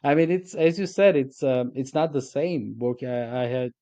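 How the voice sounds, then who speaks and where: A man from Armenia, a company CEO speaking as a guest in a relaxed, reflective interview, with frequent fillers. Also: medium pitch, normal speed, no echo. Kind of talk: casual interview conversation.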